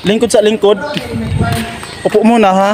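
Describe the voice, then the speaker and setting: A man hosting a casual walking vlog with an Agusan del Sur accent, speaking in a coaxing, repetitive way as he gently encourages his companion outdoors. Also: sits high, level tone, normal speed. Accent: Agusan del Sur Filipino. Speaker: vlogger host. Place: outdoors on a street and court.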